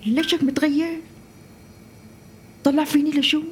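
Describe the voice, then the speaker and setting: Brief: actress as chatty elderly Syrian mom, tender, high voice. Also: female voice, fairly even intonation, moderate pace, slight background noise, close to an everyday voice. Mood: alarmed. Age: older. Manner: talkative, tender, emotional. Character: lonely elderly mother, warm, chatty, wistful. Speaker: mother. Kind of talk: scripted drama acting.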